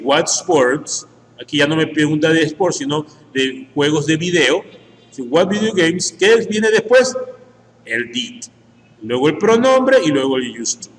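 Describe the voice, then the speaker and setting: A man with an Ecuadorian Spanish accent teaches an English grammar lesson over screen share, working through each example step by step and adding "¿sí?" after nearly every sentence. His voice is on the high side, and the echoey room carries faint background noise.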